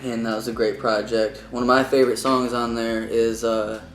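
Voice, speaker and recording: A man's voice: medium pitch, flat delivery, moderate pace. A man speaks as a musician in a casual interview, informal and keen to promote his own work. His mid-range voice rings in an echoey room, with some music in the background.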